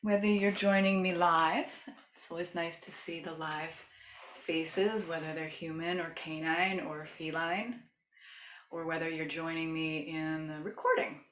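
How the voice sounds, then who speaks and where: A woman leads a guided yoga and meditation class with a soothing, gentle delivery. Her voice sits a little low, and she leaves space between phrases. The recording has a clearly echoing, roomy sound. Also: fairly even intonation, a little slow. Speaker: yoga teacher.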